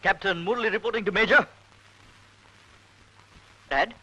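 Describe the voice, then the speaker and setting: A man's voice: high-pitched, very slow, bright, forceful tone, breathy edge, full character voice. A young actor playing an earnest army-captain son who pleads with his father.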